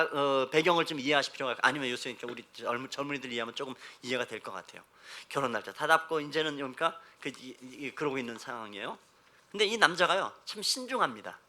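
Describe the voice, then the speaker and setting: A male pastor preaching a sermon in a church. He moves between quiet storytelling and loud, fervent exhortation, often calling out to the congregation. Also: medium pitch, lively intonation, quick pace. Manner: addresses the congregation repeatedly, emphatic preaching. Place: church sanctuary.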